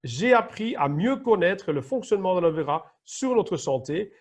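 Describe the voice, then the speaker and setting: A middle-aged Flemish man from Belgium, an emergency nurse and wellness trainer, gives an explanatory online training presentation, sometimes searching for words. His voice is a little high, husky and breathy, with a sing-song quality at normal speed.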